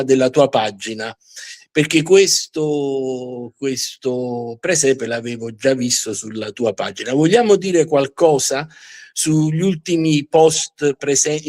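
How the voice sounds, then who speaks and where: A man speaks as the host of a live show about history. His talk is unscripted and halting, with words repeated while he searches for how to put things. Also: mid-range voice, a little mellow.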